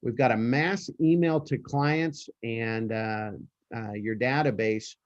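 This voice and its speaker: A man leading a team meeting over a group video call stops and restarts often and fills the gaps with fillers. He talks slowly. The call audio is muffled and dry. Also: mid-range voice, no echo. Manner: halting, full of fillers and restarts. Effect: heard over a group video call. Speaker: real estate office leader running a team meeting. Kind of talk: presenting to his team in an online meeting.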